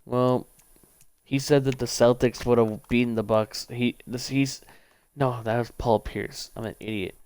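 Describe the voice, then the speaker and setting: A young man livestreaming a football video game, thinking aloud in casual, rambling commentary that speeds up in quick bursts. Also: mid-range voice, fairly even intonation, a little mellow, clean tone.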